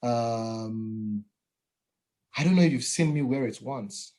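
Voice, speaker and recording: A Nigerian man whose first language is Yoruba hosts a podcast, speaking in a mellow, medium-pitched voice. The casual interview chat comes out haltingly, full of fillers and restarts.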